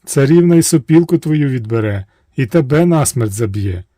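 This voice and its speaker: An anxious old mother from a fairy tale, as a male narrator puts her on, imploring and raised in pitch. She frets aloud over her son. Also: animated, normal speed, dark tone, dry recording, clean studio sound, natural voice. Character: worried old mother, woman, fearful and loving.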